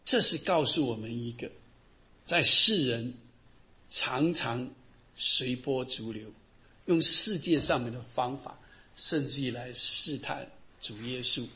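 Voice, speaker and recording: A middle-aged man, a pastor, preaching a sermon and telling Bible stories in an animated way. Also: medium pitch, slow. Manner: animated storytelling, acting out the people in the Bible stories.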